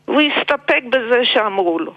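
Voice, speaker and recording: An older woman with an Israeli accent, speaking reflectively and deliberately in an interview, with pauses and emphatic repetitions. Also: on the high side, animated, fairly bright tone, muffled recording. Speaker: interviewed memoir author.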